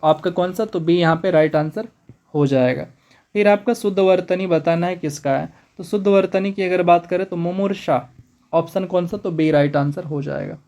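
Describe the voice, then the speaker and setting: A man teaching a spoken exam-prep lesson, brisk and repetitive, calling his students brother. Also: high-pitched, darkish tone.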